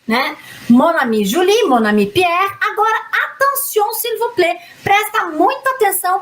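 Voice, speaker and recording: A woman with a very high voice teaches French in a live online lesson. She coaxes her viewers along in a lively way, slipping French phrases in among her Portuguese. A faint hiss of noise sits under her voice.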